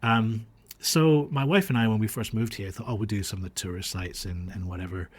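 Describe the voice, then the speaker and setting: A man with a lowish voice and fairly even intonation tells anecdotes briskly on a podcast, sounding reflective and hesitant. He was born in Australia and grew up in the US and Dubai.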